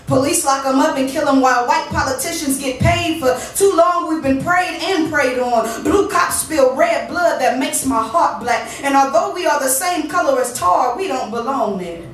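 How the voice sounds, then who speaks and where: With a high voice and hardly any pauses, this woman recites spoken word poetry at a moderate pace, delivering it rhythmically and emphatically as the featured poet in a small living-room venue. Between pieces she chats casually with the audience. The distant room recording is very echoey, with a faint hum and soft background music.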